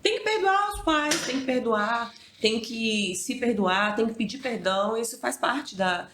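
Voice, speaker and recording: A woman's voice: a little high, a little slow, background noise. A woman in her thirties, a mother, talking reflectively in a casual chat. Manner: reflective, animated when quoting others. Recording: echoey room.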